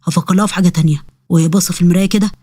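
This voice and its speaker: Woman doing a clumsy egyptian demon guy muttering plans, low and quick. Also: fairly even intonation, mellow, no room sound, studio quality, close to an everyday voice. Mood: scheming. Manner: grumbling, scheming under breath. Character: bumbling young male demon, grumbling.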